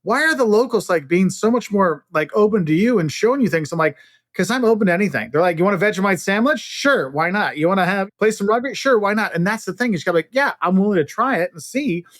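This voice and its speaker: A middle-aged American man from Illinois, a travel expert appearing as an interview guest, talks fast in a voice that sits high. The studio-quality recording has no room sound, and he chats casually, telling animated anecdotes and acting out bits of dialogue.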